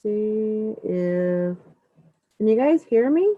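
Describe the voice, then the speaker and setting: This livestream host talks very slowly with lively intonation at a medium pitch, chatty as she checks her audio. Her voice comes through muffled and dry, like a phone heard through a wall, with no echo.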